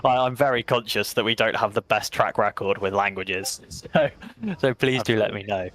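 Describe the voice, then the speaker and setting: A man with an English accent giving brisk, chatty play-by-play commentary on a sim race, with self-mocking asides. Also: lowish voice, steady tone, fairly bright tone. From England.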